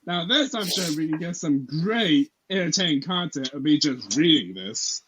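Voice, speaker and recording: A man's voice: on the high side, lively intonation, moderate pace, fairly bright tone, slight background noise. A man co-hosting a casual podcast, joking around and reading textbook passages aloud. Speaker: podcast co-host. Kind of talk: casual chat. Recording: dull lo-fi sound.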